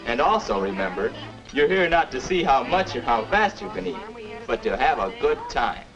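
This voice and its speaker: In lo-fi sound with music behind him, a mid-range male voice is very animated at a moderate pace. The American actor, in his 20s, portrays a patient, upbeat 21-year-old older self mentoring a boy, speaking neatly, instructively and encouragingly in 1950s educational film style on a noisy old soundtrack.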